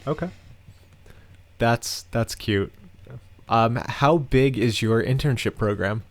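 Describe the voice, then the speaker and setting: A man's voice: medium pitch, slow. A man co-hosting a podcast in casual chat, teasing his co-host and swearing freely.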